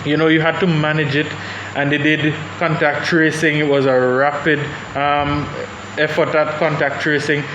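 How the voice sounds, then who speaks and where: In an echoey room with background noise, a young adult man from Saint Vincent and the Grenadines speaks on a panel. His fairly high voice is flat, moderately paced, and barely pauses, and the recording cuts off the highs. He's thoughtful and hesitant, with many restarts.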